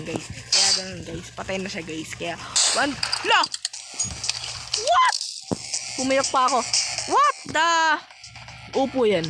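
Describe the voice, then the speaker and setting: A woman giving casual, chatty commentary while playing a game, breaking into sudden high exclamations. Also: low-quality recording. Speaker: gaming vlogger.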